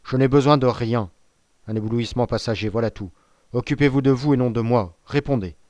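A man's voice: mid-range voice, a little fast, darkish tone, no room sound, dull audio, natural voice. A man playing a stern, anxious magistrate in a storybook reading, commanding and tense, hiding a secret behind firm orders. His mid-range voice sits close to the mic in a dry, dead-sounding recording. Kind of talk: audiobook character voice.

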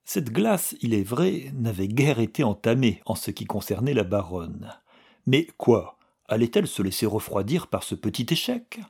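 Gravelly man reading a novel. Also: lowish voice, big pitch swings, moderate pace, darkish tone. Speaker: audiobook reader. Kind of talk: scripted novel narration.

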